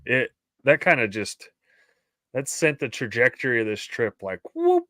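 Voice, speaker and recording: A man co-hosting a fishing show, chatting in a relaxed, agreeable way. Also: medium pitch, normal speed, dry recording, studio quality. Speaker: podcast co-host. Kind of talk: casual chat.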